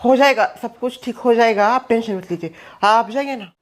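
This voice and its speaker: A man's voice: very high-pitched, normal speed. A man playing a naive, chatty young daughter-in-law in a comedy sketch. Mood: defensive.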